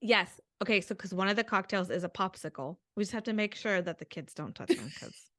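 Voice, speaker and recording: A woman's voice: mid-range voice, expressive, brisk, a bit bright, dry recording. A young adult woman co-hosting a podcast with her mother, chatting casually and laughing often over a video call. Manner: giggly, chatty. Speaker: podcast co-host. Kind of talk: casual chat.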